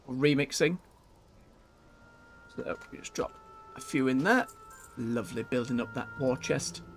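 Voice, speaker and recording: A man's voice: medium pitch, a little slow, soft background music. A man giving casual gameplay commentary as a streamer, chatty and muttering to himself as he goes. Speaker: video game streamer.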